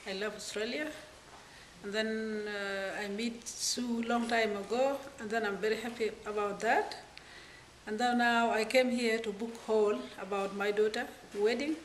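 A middle-aged woman from South Sudan introducing herself warm-heartedly in simple phrasing on camera. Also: mid-range voice, fairly even intonation, unhurried. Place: indoor room, plain wall. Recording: roomy, faint noise.

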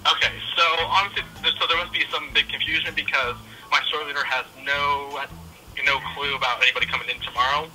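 A man's voice: fairly high pitch, little pitch movement, fast, pushed and bright. A man working in a shop, speaking over a phone line in casual, polite, somewhat hesitant customer-service talk. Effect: telephone. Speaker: retail store employee. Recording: voice heard over phone call.

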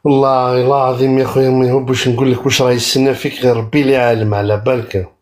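A man's voice: medium pitch, flat delivery, very fast, a little mellow. A man calling into a live stream, mocking the host with scorn. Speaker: caller. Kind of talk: heated live debate.

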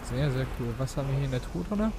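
A man's voice: mid-range voice, animated, quick pace, background noise. A man giving casual, jokey let's play commentary, mixing in English slang. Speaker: let's player.

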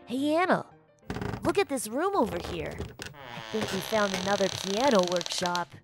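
A woman's voice: medium pitch, animated, normal speed, over music, lightly acted. A woman voicing a curious young boy explorer in a children's audio drama, eager and full of wonder.

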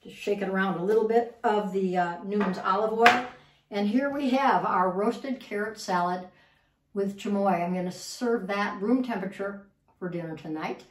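A woman's voice: mid-range voice, moderate pace, reverberant, far from the mic, slight background noise, rough recording. A woman hosting a casual cooking demonstration in a home kitchen, chatting and repeating words as she works. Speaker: cooking show host.

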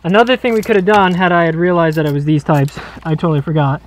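An electrician host talks fast in a fairly high, steady voice as he explains on-the-job wiring to the camera. He's squeezed into a cramped basement crawl space and keeps things casual and jokey.

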